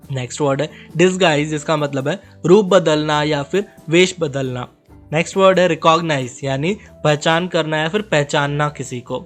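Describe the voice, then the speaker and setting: A young man teaching English words with Hindi explanations, reading each example slowly twice before explaining it. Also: a little high.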